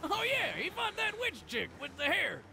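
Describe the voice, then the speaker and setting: A man playing a brash, crude, excitable co-host, joking in slang through scripted commentary. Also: very high-pitched, moderate pace, vocal fry, a little hiss or hum, heavily acted. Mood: joking, hyped. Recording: voice over background music.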